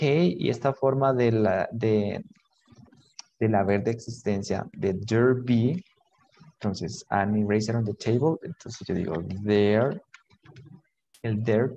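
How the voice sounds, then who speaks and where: A man's voice: on the low side, warm tone, muffled recording, slight background noise. A man teaching an online English grammar lesson, patiently repeating words and switching between English and to explain.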